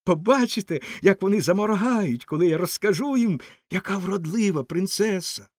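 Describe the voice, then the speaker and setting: A man's voice: high voice, normal speed, no room sound, clean studio sound, pitched above the performer's own voice. A man doing a giddy fire-ball firework. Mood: gleeful. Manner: gushing and excited.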